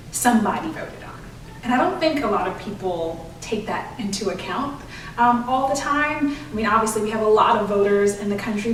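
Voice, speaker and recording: A children's book author speaks earnestly in an interview, explaining and promoting her work in a medium-pitched voice. She is far from the mic, so the sound is roomy and echoey with faint noise.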